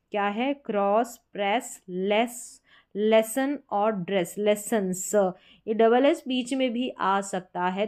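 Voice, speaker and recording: A woman teaching English pronunciation rules, slowly drilling example words and asking the viewer questions. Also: medium pitch, darkish tone. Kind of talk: classroom-style lesson explaining spelling rules.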